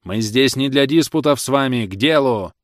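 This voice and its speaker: An actor reading an audiobook, playing an irritable old male judge who shouts in a thin, shrill voice. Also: moderate pace, no room sound, clean studio sound, lightly acted. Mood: shrill, stern.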